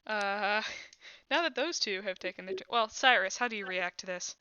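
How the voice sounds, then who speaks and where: A woman's voice: medium pitch, moderate pace, bright, forceful tone, smooth, no echo, muffled recording. A woman narrating as game master of a tabletop game, describing scenes with many "uh"s. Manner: descriptive, filler-heavy with frequent "uh".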